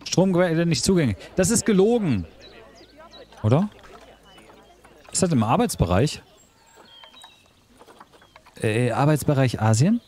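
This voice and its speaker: A man's voice: on the high side, very animated, a little slow, long pauses, dark tone. A man giving casual gameplay commentary, talking to himself in a puzzled, joking way. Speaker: let's play commentator.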